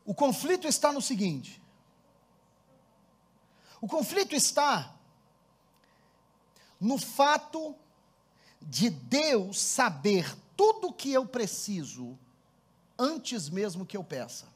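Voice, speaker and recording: A pastor preaching with a strikingly high voice that leaps up and down in pitch. He tells stories with animated energy and calls on his congregation to answer. He speaks into a handheld microphone in front of the church. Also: slow, pauses often, breathy edge. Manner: storytelling, animated, laughs often, calls congregation to respond. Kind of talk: sermon. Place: church hall before a congregation.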